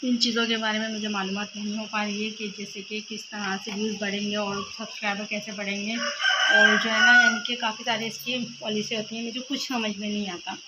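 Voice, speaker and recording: Soft-spoken young woman vlogging at home. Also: medium pitch, flat delivery, fairly quick, very noisy. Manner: chatty, rambling with many fillers; speaks softly so as not to wake her child. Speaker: family vlogger. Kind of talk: casual home vlog. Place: home, indoors.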